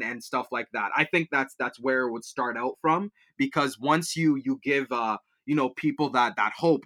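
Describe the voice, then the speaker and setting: The student guest, a young adult from Liberia brought up in Kenya and Canada, rambles through his interview answers with lots of fillers and restarts. He has a mid-range voice that sounds pushed and bright.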